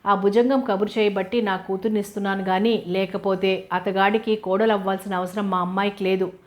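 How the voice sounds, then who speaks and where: A wealthy middle-aged farmer in a storybook, proud and trusting, as a woman narrator puts him on. He reasons calmly and brushes off doubts, at a medium pitch. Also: brisk, natural voice. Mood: dismissive. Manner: reasoning, dismissive.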